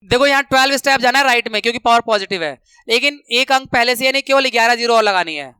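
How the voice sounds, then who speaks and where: A man teaching a maths lesson, counting steps out loud and repeating the rules for students to remember, speaking terms. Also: extremely high pitch, fast talker, clean tone, no room sound. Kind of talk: classroom lesson explanation.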